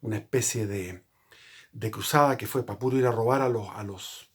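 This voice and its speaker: A man's voice: fairly low pitch, normal speed, slightly rough. A man hosting his own channel, giving an earnest unscripted religious monologue. He rambles, often restarting and correcting himself mid-sentence. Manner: earnest and explanatory. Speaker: channel host.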